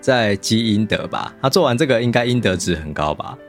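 Animated Taiwanese man, lively swings in pitch. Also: a little fast, faint music behind. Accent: Taiwanese Mandarin. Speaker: co-host of a book show. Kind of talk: casual chat about books.

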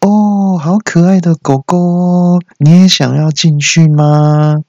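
A man voicing a young woman in a comic story, in a high squealing falsetto. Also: fairly even intonation, slow, mellow, no room sound, dull audio. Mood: gushing. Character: shrieking young woman, gushing then panicked.

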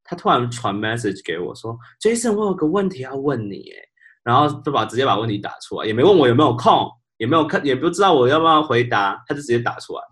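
A man co-hosting a podcast, telling work stories in a casual chat. He is animated, laughs often and drops English words into his speech. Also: mid-range voice, fast talker. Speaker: podcast co-host.

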